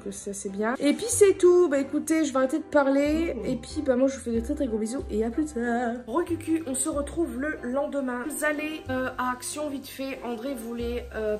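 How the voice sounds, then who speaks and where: At home indoors, a vlogger with a fairly high, darkish voice chats casually to her audience, rambling and tripping over her words.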